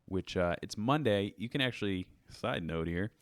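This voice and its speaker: A man's voice: on the low side, expressive, moderate pace, dry recording. A man co-hosting a podcast, trading jokes and playful banter on a studio microphone. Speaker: podcast co-host. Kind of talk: casual chat.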